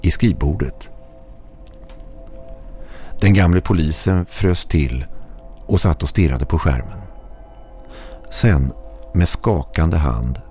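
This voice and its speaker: A man narrating a horror story in a slow, somber, scripted style. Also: extremely low pitch, warm tone.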